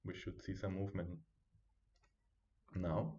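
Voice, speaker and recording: A day trading streamer gives live commentary from home, thinking aloud as he watches the charts and chats with viewers. His low voice keeps a level tone at a measured pace, and the quiet built-in computer mic makes the recording muffled.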